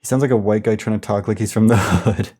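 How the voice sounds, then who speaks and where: A man's voice: fairly low pitch, steady tone, quick pace, mellow, husky. Blunt, offhand male streamer. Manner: blunt, offhand, says "dude" a lot. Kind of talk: casual gaming stream chat.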